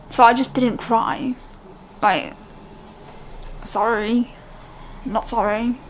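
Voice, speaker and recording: A woman's voice: a little high, a little hiss or hum, rough recording. A young British woman talking to camera in a casual, unscripted way, candid and rambling, often breaking off her own sentences. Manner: candid, rambling, self-interrupting. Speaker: vlogger.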